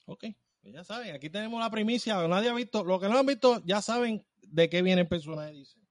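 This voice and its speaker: A man's voice: high-pitched, expressive, brisk, no echo, studio quality. A man hosting a podcast, chatty and playful while asking his guest questions. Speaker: podcast host. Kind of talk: podcast interview chat.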